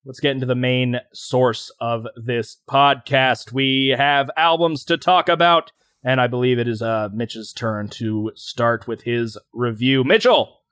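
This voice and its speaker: A man's voice: mid-range voice, fairly even intonation, measured pace, a bit bright, smooth, no echo. A man co-hosting a podcast, chatting casually and rambling with lots of fillers and restarts. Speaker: podcast co-host.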